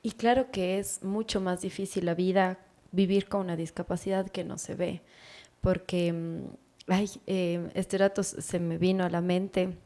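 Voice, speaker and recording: A woman's voice: fairly low pitch, little pitch movement, measured pace, dark tone. A woman hosting a podcast interview, listening attentively and then sharing an anecdote. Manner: attentive, frequent affirmations. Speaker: podcast host, psychologist. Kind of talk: interview conversation.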